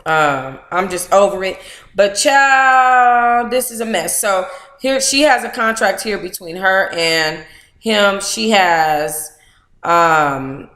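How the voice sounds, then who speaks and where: Reading aloud and chatting candidly on her book club livestream, a middle-aged woman speaks slowly and expressively at medium pitch with a slightly bright tone. Colloquial asides pepper her talk, and the recording has a roomy echo.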